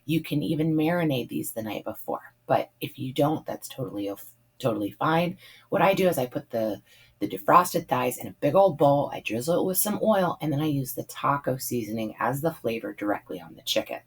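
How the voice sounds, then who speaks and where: A woman with a lilt talks through family dinners in a relaxed, chatty way, dropping ums and likes as she goes. Her voice sits very low and comes out husky and hoarse, worn from a lot of talking. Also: fairly quick. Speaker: budget meal planning vlogger. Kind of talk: casual voice-over.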